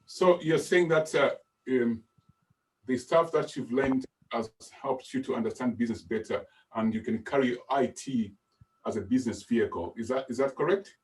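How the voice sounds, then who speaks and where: A man hosting a live video call, prodding his guests with quick questions. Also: medium pitch, a little mellow. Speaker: host. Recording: distant from the mic.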